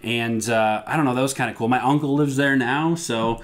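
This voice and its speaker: A man's voice: medium pitch, fairly quick, a little hiss or hum. A young man from Minnesota, hosting a vlog, chatting casually and laid-back with frequent fillers and chuckles. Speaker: vlog host. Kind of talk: casual chat.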